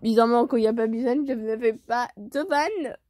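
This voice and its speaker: A woman's voice: a little high, fairly quick, dark tone, no room sound. A woman reading a fan story aloud in the first person, often breaking off for playful, jokey asides. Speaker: channel host reading fan fiction.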